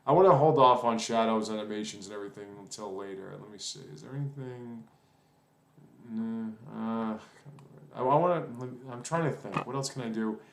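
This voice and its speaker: A man's voice: lowish voice, moderate pace, gravelly, slight background noise. A man giving a casual coding tutorial, rambling and thinking aloud with plenty of fillers. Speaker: web development tutor. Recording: roomy echo.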